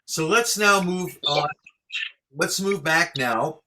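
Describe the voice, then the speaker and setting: A slightly high, bright, forceful male voice, with a bit of background noise, guides students through Torah chanting on a video call. He stays patient and encouraging, explaining as he goes and slowly chanting each sign for the class to repeat.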